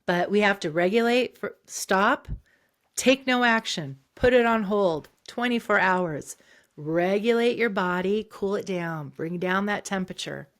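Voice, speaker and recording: A female psychologist appears as an interview guest, chatting casually in a lively, meandering way with plenty of fillers and restarts. Her voice sits at medium pitch and she's in no hurry.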